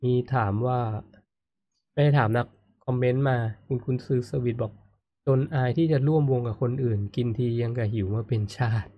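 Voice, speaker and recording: A man's voice: medium pitch, moderate pace. A man hosts a casual live stream, reading viewer comments aloud and murmuring agreement as his guest talks. His voice sounds slightly muffled and lo-fi. The room adds no echo at all. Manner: frequent murmured "mm" backchannels, reads comments aloud. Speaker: host.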